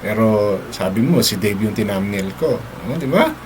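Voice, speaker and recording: A man's voice: on the low side, expressive, normal speed, slight background noise. A man hosting a live stream, talking casually to his viewers, mixing in English phrases, laughing often and ending many lines with a tag question. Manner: chatty, mixes English into Tagalog, laughs often, repeats "no?".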